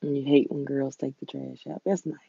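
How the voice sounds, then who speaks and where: A woman with a Southern US accent and a folksy, drawn-out drawl, chatting casually with viewers as a livestream host. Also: extremely low pitch, level tone, gravelly, dark tone, husky, muffled recording. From southern United States.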